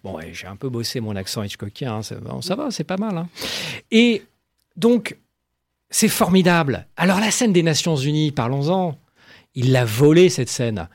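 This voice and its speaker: A man giving enthusiastic film commentary, animated and full of exclamations and quick asides. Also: on the high side.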